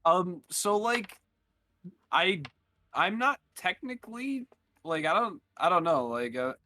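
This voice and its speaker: Hesitant young man, bright dry voice. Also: sits high, lively intonation, slow pace, no room sound. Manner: hesitant, many ums and restarts. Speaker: player. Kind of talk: casual chat.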